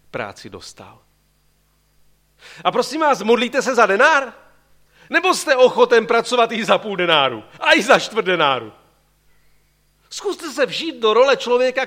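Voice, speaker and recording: Animated high-voiced male preacher. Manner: animated, questioning the congregation directly. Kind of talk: sermon.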